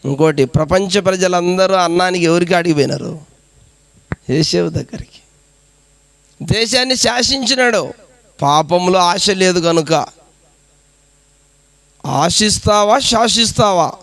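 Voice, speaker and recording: A man's voice: high-pitched, animated, measured pace, creaky, long pauses, a bit bright, no room sound. A man preaching a sermon as a pastor, exhorting the congregation with rhetorical questions. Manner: repetitive preaching cadence.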